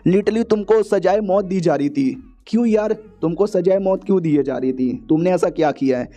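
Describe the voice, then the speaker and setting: A man's voice: sits high, normal speed, warm tone, close to an everyday voice. A man voicing a cocky, ruthless young male hero who swears freely, in a storybook-style recap. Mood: casual.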